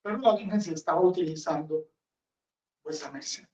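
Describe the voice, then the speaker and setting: A man's voice: high voice, moderate pace, warm tone. A man, a friar, preaching a homily in a blunt, rambling, conversational way. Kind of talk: sermon. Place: chapel. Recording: roomy, distant, dull sound.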